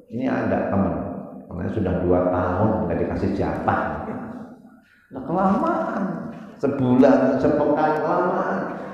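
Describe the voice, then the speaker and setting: A man's voice: low-pitched, a little mellow. A man preaching a dawn sermon, chanting Arabic verses and then explaining them in casual, joking talk. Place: large mosque hall. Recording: distant, echoey, dull mosque PA recording.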